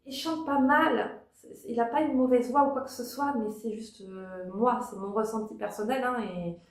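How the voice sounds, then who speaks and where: A woman's voice: a little high, moderate pace. Chatty woman vlogger in an echoey room. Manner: hesitant, many fillers and restarts. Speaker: vlogger reviewing a TV talent show. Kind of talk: casual spoken review.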